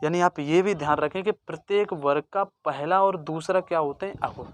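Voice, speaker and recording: A teacher giving an exam-prep grammar lesson, repeatedly asking a question and then answering it in a lower, softer voice. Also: normal speed, a little hiss or hum.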